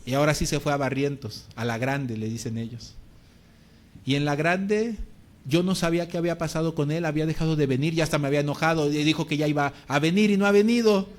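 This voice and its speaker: A man with a Mexican accent, a pastor preaching and telling a testimony story in lively, colloquial speech. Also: fairly high pitch, fast talker. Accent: Mexican Spanish.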